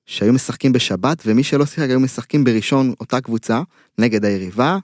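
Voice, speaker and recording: A middle-aged man with an Israeli accent, a mental coach giving earnest, emphatic motivational talk in an interview, pausing mid-phrase. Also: mid-range voice, a little mellow, no echo, clean studio sound. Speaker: mental coach, podcast guest.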